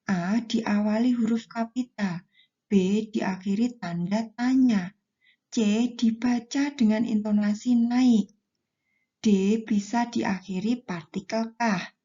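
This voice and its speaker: Woman, primary teacher; slow, mellow delivery with a husky edge, over a dull lo-fi recording. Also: medium pitch. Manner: slow, deliberate explaining to pupils. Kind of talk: classroom lesson for children.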